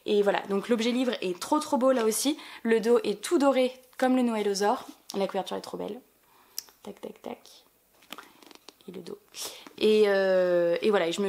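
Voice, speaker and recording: A woman's voice: fairly high pitch, a little hiss or hum. Chatty French woman showing her books. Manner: chatty, many fillers and restarts. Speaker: book vlogger. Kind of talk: casual book haul chat.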